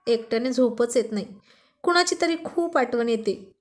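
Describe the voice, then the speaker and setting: A woman's voice: a little high, animated, normal speed, close to an everyday voice. A woman doing a teasing young husband. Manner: teasing, mock-scolding.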